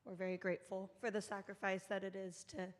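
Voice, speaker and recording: A woman's voice: medium pitch, little pitch movement, fast, big-room sound. Woman leading a church volunteer training. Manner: informal and conversational, addressing a group. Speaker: children's ministry leader. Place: church meeting room.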